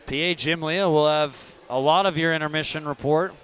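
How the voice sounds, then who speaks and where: Male hockey play-by-play voice, smooth and resonant, slightly high, conversational live commentary. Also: normal speed, a bit bright. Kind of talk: live sports commentary with promotional reads.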